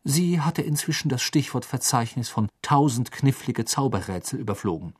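A man reads a fantasy audiobook in a calm, measured narration. His voice is husky and sits in a middling range. The delivery stays steady between the character voices. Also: medium pitch.

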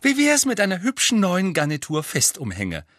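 A man voicing a fussing, doting middle-aged mother witch in a storybook reading, high and gushing. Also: huge pitch swings, moderate pace, fairly bright tone, no echo, clean studio sound, heavily acted.

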